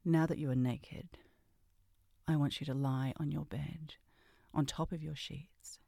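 Sultry, gravelly woman in ASMR role-play. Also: sits low, fairly even intonation, measured pace, no echo, clean studio sound. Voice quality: breathy, often dropping into a soft voice. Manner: sultry, seductive narration; commanding, teasing.

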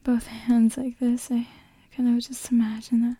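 Breathy woman in close-up whispered role-play. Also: fairly high pitch, monotone, normal speed, warm tone, dry recording. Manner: close, intimate whispering, right in the listener's ear. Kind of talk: whispered intimate erotic ASMR role-play addressed to one listener. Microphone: very close microphone, dry.

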